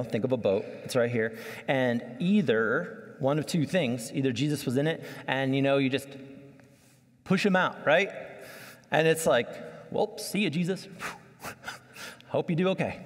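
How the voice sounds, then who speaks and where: A man in his thirties preaching a sermon from a church sanctuary, conversational and animated, acting out little scenes as he walks the stage. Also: mid-range voice. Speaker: pastor. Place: church sanctuary, large room. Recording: long church hall reverb.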